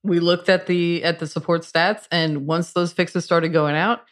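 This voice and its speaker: A woman co-hosts a podcast, speaking warmly and with appreciation. Her voice sits a little low, and she laughs lightly as she talks. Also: steady tone, measured pace. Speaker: podcast co-host. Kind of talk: casual podcast chat.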